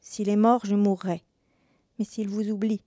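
A man's voice: high voice, flat delivery, a little slow, mellow, no room sound, studio quality. A woman voicing a jealous young man, in his early twenties, who insists and begs in a dramatized reading. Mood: desperate. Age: young adult. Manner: pleading, insistent. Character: young man spurned in love, pleading and jealous.

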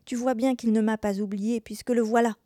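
A woman's voice: medium pitch, steady tone, normal speed, warm tone, dry recording, clean studio sound, natural voice. A woman voicing a steadfast young woman who speaks firmly and coolly in a dramatized reading. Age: young adult. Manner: firm, cool.

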